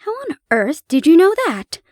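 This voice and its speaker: A woman reading the lines of a composed male army doctor in an understated, measured way. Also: sits high, huge pitch swings, a little mellow, no room sound, studio quality, pitched above the performer's own voice. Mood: reserved.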